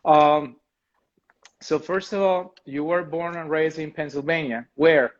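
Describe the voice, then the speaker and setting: Enthusiastic host. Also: male voice, on the high side, steady tone, measured pace. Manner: enthusiastic, effusive, slightly non-native grammar. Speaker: host, education consultant. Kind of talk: live stream interview. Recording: dull lo-fi live-stream audio.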